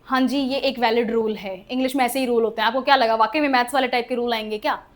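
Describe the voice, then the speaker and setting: A woman's voice: a little high, fast talker. A woman, teaching spelling rules in a chatty classroom lesson and often checking whether the class follows. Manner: lively, chatty, asks the class questions and laughs at the oddities. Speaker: English teacher.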